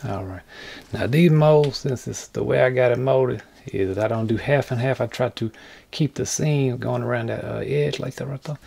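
Folksy man with gravelly voice. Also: mid-range voice, moderate pace, darkish tone, a little hiss or hum. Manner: rambling, folksy, jokey talk to viewers. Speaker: craft channel host. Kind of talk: casual workshop vlog. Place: indoor workshop.

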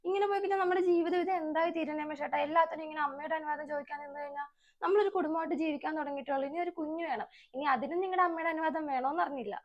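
Fast-talking fed-up young wife, played by a woman. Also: high-pitched, highs cut off, close to an everyday voice. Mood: indignant. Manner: indignant and sarcastic. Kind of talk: comedic family skit.

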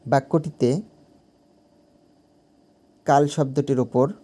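Male teacher, unhurried and mellow, working through an exam answer step by step and restating his phrases. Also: mid-range voice, fairly even intonation. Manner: slow, deliberate, repeats phrases to correct himself.

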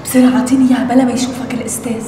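A woman playing a hurried, giggly schoolgirl with a Lebanese accent, begging a classmate for a cheat sheet. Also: fairly high pitch, flat delivery, music in the background, close to an everyday voice. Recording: echoey hall, far from mic.

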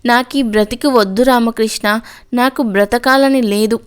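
Woman narrator doing a guilt-wracked despairing man in an audio story, pleading, smooth and high. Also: steady tone, unhurried, close to an everyday voice.

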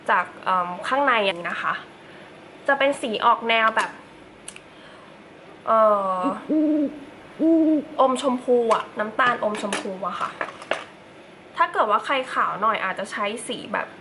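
A woman's voice: medium pitch, sharp tone, slight background noise, low-quality recording. A young woman chatting casually through a makeup tutorial, with playful asides to her viewers. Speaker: beauty vlogger.

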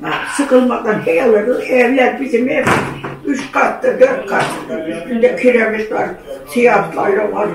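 Older woman, high voice, rambling chat, far off in an echoey room with family voices. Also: lively intonation, slow, crowd noise. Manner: rambling storytelling, homespun. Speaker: mother-in-law. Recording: echoey room, distant mic, voices around.

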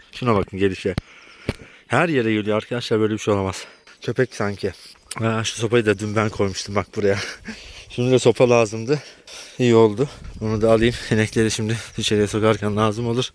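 Chatty man vlogging outdoors in a village. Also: mid-range voice. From Turkey. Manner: chatty, exclaims and scolds animals. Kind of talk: casual vlog talk to viewers.

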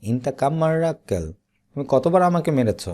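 Each Arabic word gets said twice, slowly, as a man from Bangladesh runs a vocabulary lesson. The pace is slow and the repetition deliberate, though his pitch moves in a lively way.

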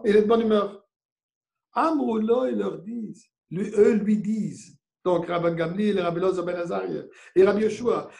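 A man's voice: high-pitched, vocal fry, a little mellow. A man giving a Torah lesson as a rabbi, telling a story and answering his own questions, with Hebrew terms mixed in. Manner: mixes Hebrew terms into French.

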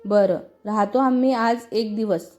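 A woman's voice: mid-range voice, unhurried, darkish tone, faint music behind, lightly acted. A woman voicing a polite middle-aged mother staying as a guest, in a storybook reading. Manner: polite, courteous.

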